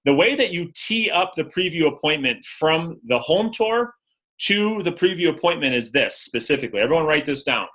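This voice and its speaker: A man coaching real estate agents on a live video call, direct and energetic, acting out sales scripts. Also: on the high side, moderate pace, rough recording.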